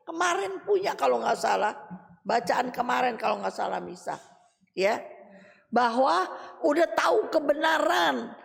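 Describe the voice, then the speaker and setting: A middle-aged woman from Indonesia preaches with a strongly gravelly, somewhat high voice. She speaks in a colloquial, animated way, swinging from loud emphatic lines to soft asides. Her voice carries the long reverb of a hall. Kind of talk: sermon teaching.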